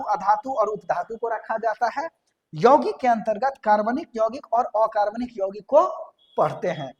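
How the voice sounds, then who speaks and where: A woman's voice: a little high, darkish tone. Woman teaching a step-by-step science lesson. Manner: explains step by step, asks and answers her own questions; repeats key terms for emphasis. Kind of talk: classroom lecture.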